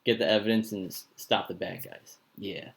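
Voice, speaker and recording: A man with a fairly low voice hosts a casual podcast and rambles through a show recap. He stops and restarts often, fills gaps with ums, and jumps up into excited reactions as he goes. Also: normal speed, creaky. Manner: rambling, full of fillers and restarts; excitable, acts out his own reactions. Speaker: podcast host.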